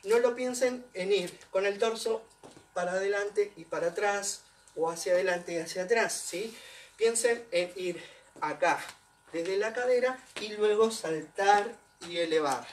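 A man's voice: high voice, measured pace. A male folk dance teacher leading an online class. He demonstrates steps while counting beats aloud and vocalizing rhythms. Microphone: camera set back from the dancer. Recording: distant mic with faint background noise.

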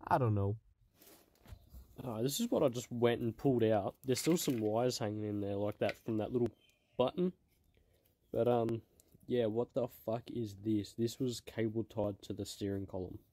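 Working in a cramped car footwell, a male vlogger chats through the job, muttering and swearing while out of breath. His voice is fairly low and dark, delivered at normal speed, and the recording is dry.

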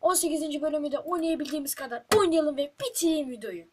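High-pitched swearing gamer woman. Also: fast. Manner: frustrated, swearing, talking to the game. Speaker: gaming channel host. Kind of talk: let's play commentary. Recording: loud keyboard clicks and noise.

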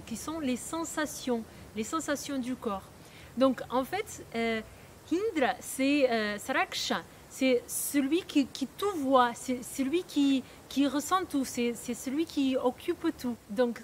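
A woman's voice: sits high, slight background noise. A woman with a non-native accent teaching a lesson, patiently explaining with frequent hesitations and restarts. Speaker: Ayurveda teacher.

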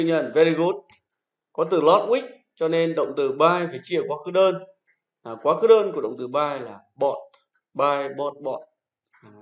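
A male teacher talks his class through grammar, slowly restating each rule and praising correct answers. His voice rings around a reverberant classroom. The recording sounds dull and lo-fi. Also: fairly high pitch. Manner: patient, repeats rules and praises pupils. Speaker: English teacher. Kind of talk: classroom lesson. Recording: echoey room, dull lo-fi sound.

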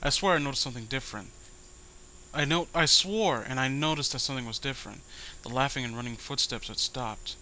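A host who reads amateur horror stories delivers one aloud with dramatic flair and sarcastic commentary. His medium-pitched voice sounds pushed and bright, moving a little fast, and the recording is low quality.

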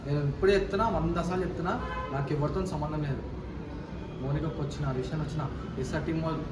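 A young man, a vlogger who pleads and then shouts angrily in a staged family quarrel. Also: on the high side, very fast. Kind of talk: staged family confrontation vlog. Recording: noisy, echoey, phone mic from a distance.

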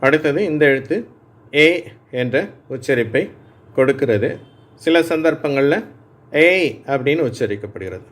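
A man's voice: mid-range voice, animated. Tamil-accented male teacher, mid-range voice, patient and repetitive, walks learners through sounds step by step. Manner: slow, repeats each sound, checks in with "right?". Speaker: English phonics teacher. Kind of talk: patient classroom lesson.

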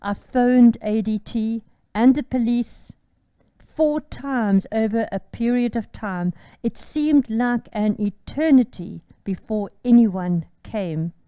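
Slow, gentle woman. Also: a little high, clear, resonant tone, no room sound. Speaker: devotion leader. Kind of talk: recorded devotional reading.

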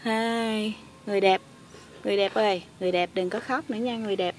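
A woman's voice: mid-range voice, steady tone, fast talker, slight background noise, voice pushed down, natural voice. A woman voicing a grumpy, bossy male toy dinosaur that grumbles and teases. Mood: flirty, soothing. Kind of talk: toy play voice acting.

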